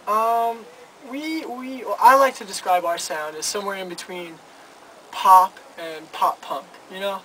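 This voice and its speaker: Brief: young male front man, rambling and stammering, voice a bit high, recorded from a distance in noise. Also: a little slow, bright, forceful tone. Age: 20s. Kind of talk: casual interview chat. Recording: noisy, from some distance.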